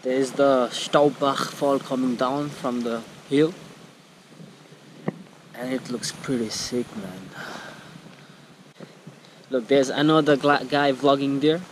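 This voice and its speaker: A man's voice: medium pitch, steady tone, takes it slowly, long pauses, rough recording. A young man from Nepal talking casually to an action camera he holds at arm's length while walking around a mountain valley, with lots of fillers and restarts. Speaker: travel vlogger. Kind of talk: casual vlog. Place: outdoors in a mountain valley and a small shop. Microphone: action camera held at arm's length. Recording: outdoor camera mic with loud background noise.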